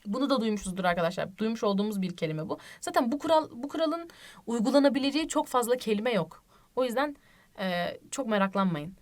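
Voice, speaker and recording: Patient woman teaching, repeating words slowly. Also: fairly high pitch. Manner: asks the class frequent tag questions. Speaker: Korean language teacher. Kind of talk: online lesson explaining reading rules.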